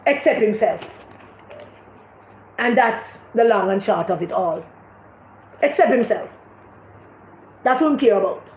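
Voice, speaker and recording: Impassioned Jamaican woman, high voice. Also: echoey room, muffled recording, a little hiss or hum. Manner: impassioned, repeats words when searching. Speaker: political commentator. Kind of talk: livestream political commentary.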